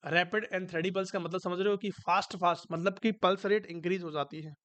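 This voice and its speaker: A man's voice: high voice, fairly even intonation, fairly bright tone, clear, resonant tone, dry recording. Hindi-speaking man tutoring nurses, dry sound. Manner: coaxing, repeatedly checks if students understood; mixes Hindi with English medical terms, reads questions slowly. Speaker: nursing exam tutor. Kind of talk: online exam-prep lecture.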